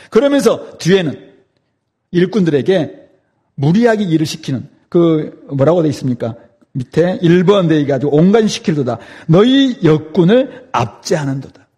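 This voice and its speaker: A man's voice: high-pitched, warm tone, breathy edge. A man preaching an expository sermon, emphatic and dramatic, asking rhetorical questions. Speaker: pastor.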